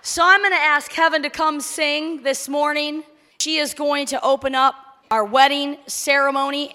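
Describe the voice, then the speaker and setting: A woman in her forties, a pastor giving a conversational sermon in a church, turning excited when she announces news. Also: high voice. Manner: warm conversational preaching, rising to excited announcements. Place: church sanctuary. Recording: long hall reverb.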